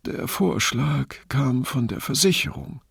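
A man's voice: medium pitch, a little slow, vocal fry, fairly bright tone, husky, no room sound, studio quality, pitched above the performer's own voice, exaggerated voice. A man reading aloud and voicing a cunning, self-pitying blind man with a plaintive, martyred manner.

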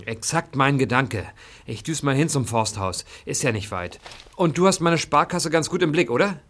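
An actor playing a bold, quick-witted teenage boy detective who talks briskly and cockily, in a radio play. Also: medium pitch, expressive, a bit bright. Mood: determined. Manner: brisk, cocky, wisecracking.

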